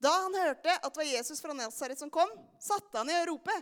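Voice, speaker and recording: High, animated woman leading a church talk. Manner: animated, asks the audience questions often. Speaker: children's sermon leader. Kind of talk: lively storytelling sermon for a congregation.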